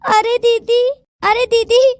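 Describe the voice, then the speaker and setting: A voice actor playing a hoarse, scheming older mother-in-law in a Hindi cartoon story, complaining and pleading. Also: very high voice, flat delivery, slow pace, background noise. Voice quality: hoarse from a dry throat.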